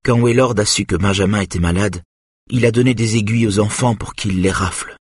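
A man's voice: lowish voice, fairly even intonation, fairly quick, husky, dry recording, clean studio sound. A man voicing a frightened, sad teenage girl with a faint, small voice in an audiobook. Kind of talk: audiobook character voice.

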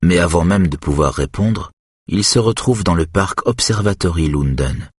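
A man doing measured, scripted audiobook narration of a thriller. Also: deep voice, lively intonation, slightly rough, no room sound, studio quality.

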